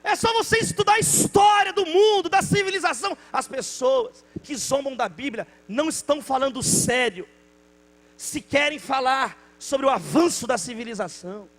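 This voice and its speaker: A Brazilian man with a very high voice preaches with fervor and acts out the voices in his stories. His delivery carries the rhythm of the pulpit, and a faint mains hum sits under the recording. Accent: Brazilian Portuguese. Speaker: pastor. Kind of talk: sermon.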